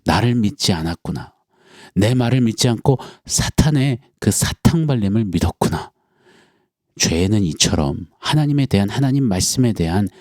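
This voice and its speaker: A man preaching an earnest dawn sermon as pastor, acting out quoted voices with dramatic pauses. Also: fairly low pitch, a little mellow, no room sound, clean studio sound.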